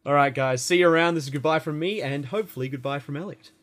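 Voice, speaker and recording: A man's voice: fairly high pitch, quick pace, a bit bright. Rambling, chatty man hosting a podcast. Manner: chatty, rambling with fillers and self-corrections. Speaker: podcast host. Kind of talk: casual gaming podcast chat.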